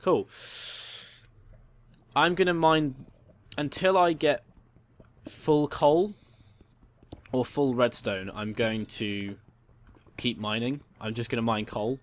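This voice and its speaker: Casting: young male gaming host, mid-pitched, loose rambling commentary. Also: fairly even intonation, slow pace, pauses often. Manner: rambling storyteller, voices quotes high and loud. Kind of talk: casual gameplay commentary.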